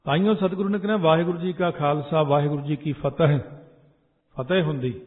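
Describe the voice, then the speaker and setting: A man giving scripture exposition, slowly chanting verses and then explaining them in plain speech. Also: fairly high pitch, steady tone. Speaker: Sikh preacher. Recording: echoey hall, tinny phone-like sound.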